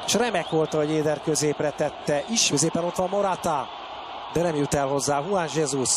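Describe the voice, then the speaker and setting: A man with a Hungarian accent delivers excited sports commentary on a football match. His voice sits high for a man and readily breaks into shouts. Clear noise of an outdoor stadium runs behind him. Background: stadium ambience.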